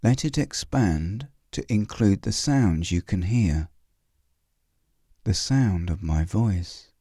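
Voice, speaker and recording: A man leading a guided visualization meditation in a calm, soothing way, with long pauses. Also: sits low, no room sound, clean studio sound.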